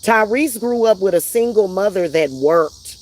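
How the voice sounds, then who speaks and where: A woman's voice: medium pitch, animated, unhurried, a little mellow, a little hiss or hum. Woman, heated vlog rant, emphatic and repetitive, profane, faint crickets outside. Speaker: vlogger and spiritual reader.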